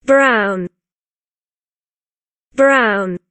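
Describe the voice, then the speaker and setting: Woman, very slow pace, fairly high voice, careful simple teaching as if reading to a toddler, dry sound. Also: fairly bright tone, dry recording. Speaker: language teacher for beginners. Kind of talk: scripted vocabulary lesson, simple words and phrases one at a time.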